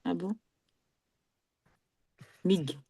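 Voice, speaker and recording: Student in a lesson, hesitant, checks understanding, mellow tone, dry room. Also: medium pitch, steady tone, drawn-out words, vocal fry, husky, dry recording. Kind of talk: one-on-one reading lesson.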